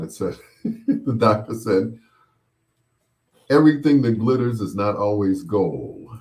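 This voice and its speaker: A low-voiced middle-aged man hosts a bedtime stories show, drifting through casual chat and reminiscences as he replies to listeners. His pace is relaxed and rambling, broken by pauses and repetition.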